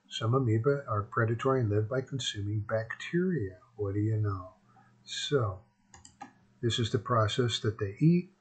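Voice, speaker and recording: A man's voice: fairly low pitch, slightly rough. A man narrating a homemade explainer in an informal, rambling way, his words slurred by missing teeth. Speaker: host of a self-made video series. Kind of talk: casual narrated explainer, partly reading aloud.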